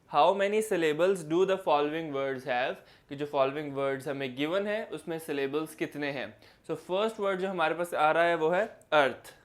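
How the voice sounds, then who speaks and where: A young adult man, teaching a classroom lecture and explaining step by step, repeating key words. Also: fairly high pitch.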